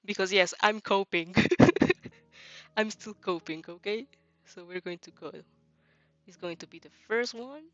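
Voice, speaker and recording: A leisurely female streamer talks casually on a fanfic reaction channel with music behind her, hesitant, giggly, and searching for words. Her unhurried mid-range voice is a bit bright, and the recording is lo-fi.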